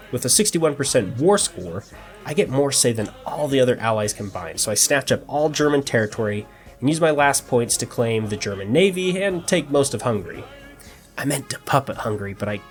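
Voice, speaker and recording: Male narrator, mid pitch, animated delivery, mock-epic with deadpan asides, faint music underneath. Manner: mock-dramatic storyteller, dry jokes. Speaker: strategy game video narrator. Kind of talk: scripted game narration with wry asides.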